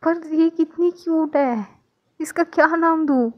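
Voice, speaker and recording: A high, eager young woman, teary and excitable over a newborn, as a woman storyteller puts her on. Her voice rides up high and bright. The sound is muffled and lo-fi. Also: unhurried. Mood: delighted. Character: emotional young woman, tearful new parent, excitable.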